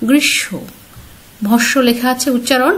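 A woman teacher giving a slide-based pronunciation lesson, speaking clearly and patiently and putting questions straight to her students. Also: a little high, normal speed.

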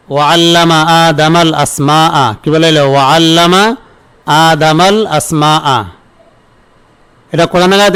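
A man with a Bangladeshi accent teaching an online grammar lesson. He asks questions, answers them himself more quietly, and reads verses slowly before repeating them. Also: a little high.

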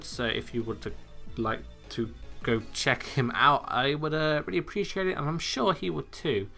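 Bright-voiced man casually commentating a game. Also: medium pitch. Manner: chatty and self-mocking, laughs often.

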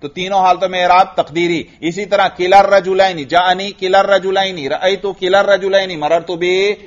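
In this dull, lo-fi recording, a Pakistani Urdu-accented man lectures on grammar in a fairly high, steady voice. He fires questions at the class only to answer them himself, and he reads out Arabic examples at a slow pace.

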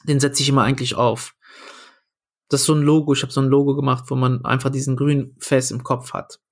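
A man's voice: medium pitch, level tone, fast talker. A young man, a comedian and food founder, telling a story casually in a podcast interview, acting out quoted dialogue with lots of fillers.

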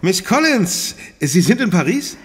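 Worried professor in horror radio play, kinda high voice, hall reverb. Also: male voice, very animated, measured pace, slightly rough, heavily acted. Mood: concerned. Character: preoccupied male professor, worried demon-fighting parapsychologist. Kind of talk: horror radio drama dialogue.

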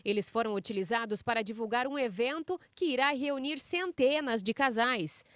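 A young woman from Curitiba reading a TV news report in a measured reporting cadence. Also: on the high side, no room sound, studio quality. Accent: Brazilian Portuguese, Curitiba. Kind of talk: scripted news narration.

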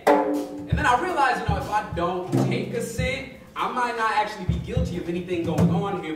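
A high-pitched man in his thirties performs an expressive, colloquial dramatic reading of first-person fiction on an arts venue stage, acting out the dialogue alongside live musicians. He uses a stand-mounted studio-style microphone, but the recording is echoey and distant, with loud live drums and percussion.

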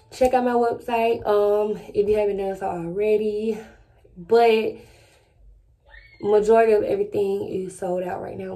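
A woman's voice: medium pitch, warm tone, low-quality recording. A woman chats casually to camera, congested and slightly lisping from wearing retainers. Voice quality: congested, stuffed-up nose. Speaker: vlogger. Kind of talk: casual vlog chat to camera. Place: small indoor room at home, close to camera.

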